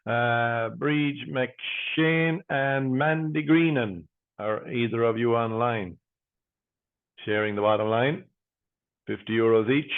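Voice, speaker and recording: An Irish man hosts online bingo as the caller, with a medium-pitched voice and a measured, formulaic delivery of numbers. The sound is thin and narrow, like a phone call. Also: smooth. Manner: measured, repeats each number in set phrases. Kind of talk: bingo calling with paired numbers and traditional nicknames. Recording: muffled phone-like online stream audio.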